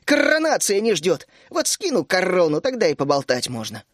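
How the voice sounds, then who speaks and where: A man voicing a small, cheerful, bossy female gnome queen in an audiobook who talks in brisk, loud, mocking exclamations. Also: high voice, wildly swooping pitch, no echo, studio quality, heavily acted. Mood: merry.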